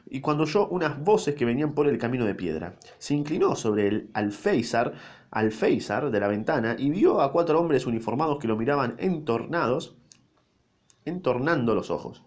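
A man's voice: mid-range voice, very animated, moderate pace. Rioplatense guy reading a story, slangy jokey asides, voice goes up and down a lot. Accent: Rioplatense Spanish. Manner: informal, irreverent, slangy. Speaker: narrator.

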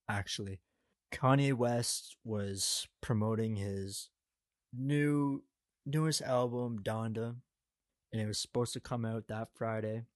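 A young man talks through his complaints in a loose, rambling way, packing his sentences with filler words and a growing exasperation. His voice sits at an ordinary middle pitch. The sound is dry and close, with no room echo around it. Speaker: commentator. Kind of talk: casual spoken review.

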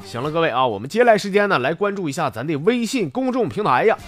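This is a man with a Northeastern Mandarin accent, hosting a comedy show and reading listener jokes. His voice sits a little high and leaps around with animated intonation, and faint music plays beneath his talk. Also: fast. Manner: chatty, folksy, playful. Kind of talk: comic storytelling on radio.

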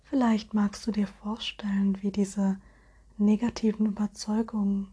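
A woman guiding a relaxation hypnosis in a soft, soothing, airy spa whisper with gentle suggestions. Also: medium pitch, little pitch movement, a little slow, husky. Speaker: hypnosis guide.

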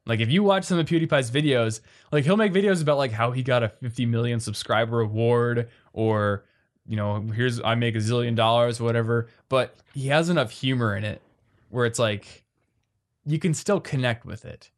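A man co-hosting a podcast, chatting casually and quickly, reading listener questions aloud. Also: mid-range voice. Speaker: podcast co-host.

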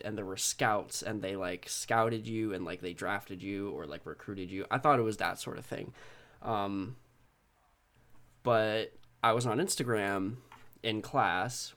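A man's voice: lowish voice, a bit bright. A young man from Texas co-hosting a podcast, telling personal stories in an informal, laid-back way. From Texas, United States. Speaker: podcast co-host. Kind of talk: casual personal storytelling.

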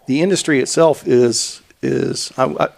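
Man, gravelly voice, middle pitch, rambling casual podcast talk, event organizer. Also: steady tone, unhurried. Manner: rambling, repeats words while explaining.

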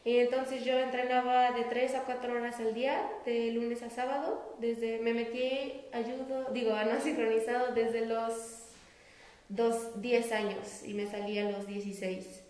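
A young woman from Mexico with a Mexican Spanish accent, answering interview questions in a relaxed way and laughing easily. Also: a little high, measured pace. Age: young adult. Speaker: interviewee, student. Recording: roomy echo.

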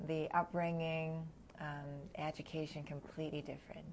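A woman in her thirties from Hong Kong, a guest speaking candidly and reflectively in an interview, often laughing softly between thoughts. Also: sits low, level tone, normal speed.

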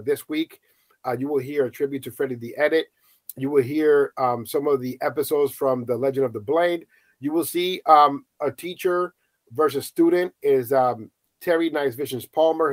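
A middle-aged man from the United States, a podcast host telling a story casually on a panel and acting out the quoted voices with lively swings. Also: no room sound. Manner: animated storyteller, acts out quotes with high excited voices.

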